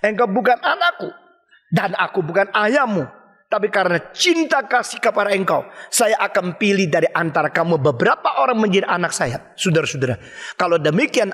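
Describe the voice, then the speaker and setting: An older male pastor preaching with a high, bright, cutting voice. He drives his points home and keeps firing rhetorical questions at the congregation. His voice rings out with a long reverb in a large church hall. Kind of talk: sermon.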